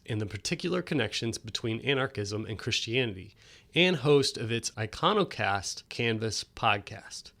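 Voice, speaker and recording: A male podcast host introduces his guest and asks her questions. His voice has a gravelly, creaky texture at a middle pitch. He sounds friendly but a little hesitant, with fillers between his questions. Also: fairly bright tone. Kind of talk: casual interview conversation.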